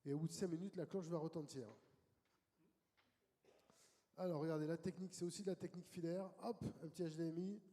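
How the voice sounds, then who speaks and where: A man moderating a conference session, introducing speakers in a lively, welcoming way. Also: fairly high pitch, fairly quick, long pauses. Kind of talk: event moderation. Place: conference hall. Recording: conference hall reverb.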